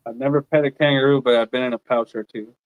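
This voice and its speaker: A man's voice: mid-range voice, fairly even intonation, dry recording, narrow, tinny audio. Dry-voiced wisecracking man. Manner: wisecracking, quick to joke and laugh. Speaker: watch party co-host. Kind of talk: casual banter.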